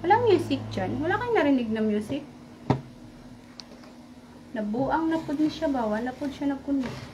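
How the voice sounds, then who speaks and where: A woman's voice: high voice, expressive, moderate pace, dull audio, background noise. A woman, livestreaming and chatting casually, laughing often and muttering to herself. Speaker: vlogger livestreaming. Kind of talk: casual livestream chat and karaoke singing.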